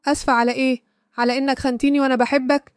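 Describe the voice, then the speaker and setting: A jealous, furious young lover in Egyptian Arabic, voiced by a woman storyteller in her own voice. The lines come fast and flat, pitched somewhat high. The sound is close and dry. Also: clear, resonant tone, no room sound, natural voice. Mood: angry.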